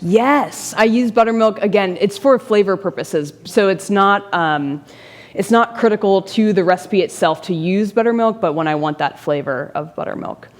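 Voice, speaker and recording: A woman's voice: mid-range voice, moderate pace, big-room sound. A woman presenting a baking demonstration at a church forum, answering audience questions in a friendly, casual way. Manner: friendly, answers questions by name, laughs easily.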